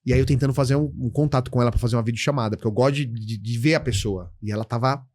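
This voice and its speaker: A middle-aged man talks on a casual podcast. He tells animated stories about clients and acts out both sides of their exchanges. His voice sits at a middle pitch and sounds dry and close. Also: rapid-fire, no echo. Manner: animated storytelling, acts out client dialogues, says "cara" often. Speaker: guest, insurance educator.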